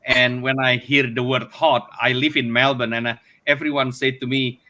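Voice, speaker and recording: A man from Indonesia co-hosts a podcast interview. His voice is mid-pitched and bright. He tells a joke in a light, easy way. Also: flat delivery, moderate pace. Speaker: podcast co-host.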